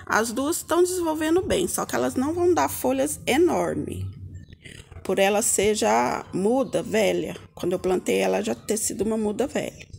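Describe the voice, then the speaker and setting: Out in a home yard full of potted plants, a Brazilian woman hosts a hands-on gardening tutorial, chatting to viewers informally and calling them little friends. Her voice is a little high and gravelly with a darkish tone, lively intonation and normal speed. There's slight background noise.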